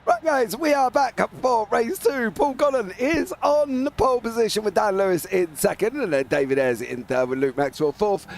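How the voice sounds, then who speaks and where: A man commentating live on a motorsport race as the main caller, in an excitable, informal, chatty manner. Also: high voice, moderate pace, creaky, few pauses.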